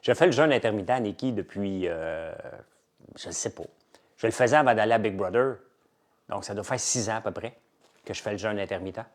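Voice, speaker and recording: A middle-aged man with a strong Québécois French accent talks casually to his live-stream viewers. He sounds chatty and keen, like an upbeat salesman. His voice sits a little on the low side. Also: a little fast. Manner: chatty, enthusiastic salesman, lively and animated. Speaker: entrepreneur hosting a live chat.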